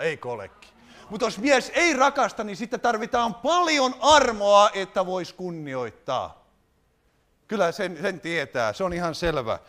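A man preaching a sermon, animated, putting rhetorical questions to his congregation. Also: high-pitched.

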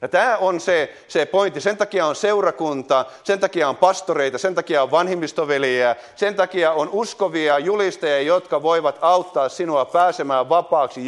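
A man with a high-pitched voice preaches with strong emphasis. His lines climb into forceful exclamations, with pauses and "uh" fillers between points. He is middle-aged and speaks as a pastor to his congregation. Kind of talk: sermon.

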